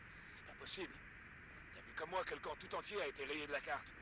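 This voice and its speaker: A man's voice: on the high side, a little fast, noisy background, lightly acted. An actor playing a wary, blunt biker who is protective of his friend, in video game radio dialogue. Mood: alarmed disbelief.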